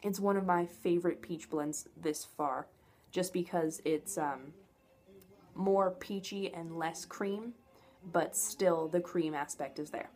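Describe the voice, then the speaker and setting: A woman's voice: fairly low pitch, slow pace, a little mellow. A young adult woman giving a casual, enthusiastic product review to camera in an informal way. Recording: noticeable background noise, home camera audio.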